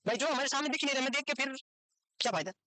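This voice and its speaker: A man teaching a medical course, lecturing in a chatty, joking way and quizzing students with quick questions he answers himself. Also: extremely high pitch, pushed and bright, dry recording, rough recording. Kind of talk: lecture to a class, mixed with casual chat. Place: classroom with students present and online.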